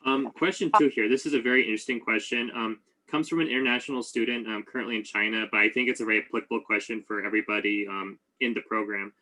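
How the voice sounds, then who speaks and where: A man moderating a club session on a call, reading student questions aloud, often pausing with "um". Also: fairly low pitch, sharp tone, poor audio. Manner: hesitant, frequent "um" and "you know".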